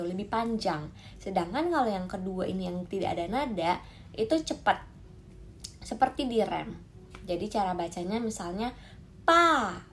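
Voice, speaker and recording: A medium-pitched woman explains a Mandarin tones lesson to camera, lively as she calls out and lengthens demonstration syllables. There's slight background noise.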